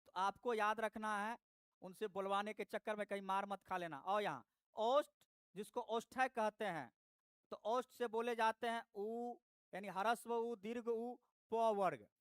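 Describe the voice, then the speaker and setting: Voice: medium pitch, a little slow, smooth, no room sound. A teacher giving a live online lesson, patiently repeating each point and addressing the students directly. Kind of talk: live online class, explaining grammar.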